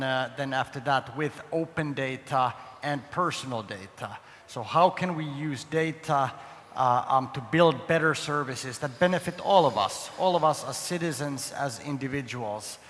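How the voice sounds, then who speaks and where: A middle-aged man with a Finnish accent, giving a halting, hesitant talk as a guest on a conference panel. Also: mid-range voice, fairly bright tone. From Finland. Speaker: guest speaker on open data. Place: large conference hall with ambient noise. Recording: noisy, long hall reverb.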